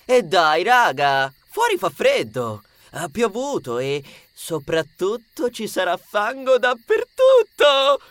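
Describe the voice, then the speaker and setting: Man doing an easygoing teenage joker, very high voice, lively swoops, dry close sound, audiobook character. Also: slow pace, hardly any pauses, dry recording, heavily acted. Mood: wheedling.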